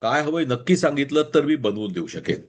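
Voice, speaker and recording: A man's voice: medium pitch, big pitch swings, fairly quick. A man voicing a businesslike goldsmith who answers plainly in a told story. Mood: matter-of-fact. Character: businesslike male goldsmith, matter-of-fact.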